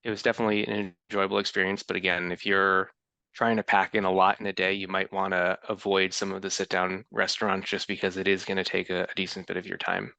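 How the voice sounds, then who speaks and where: Podcast co-host: American man, low-pitched, practical and explanatory in casual conversation, dry recording. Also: level tone, quick pace, vocal fry, pushed and bright, dry recording.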